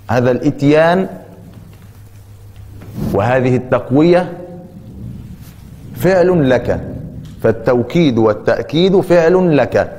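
A man's voice: medium pitch, darkish tone. Brief: male teacher explaining grammar point by point with emphatic stress, recorded with a lingering hall reverb. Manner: deliberate, emphatic, repeats key terms.

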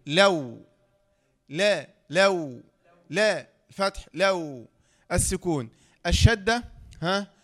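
A man with an Egyptian accent teaching a tajweed lesson, who asks the class questions, answers them himself, and slowly draws out the example sounds. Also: high-pitched, lively intonation, fairly bright tone. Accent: Egyptian Arabic. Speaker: Quran recitation teacher.

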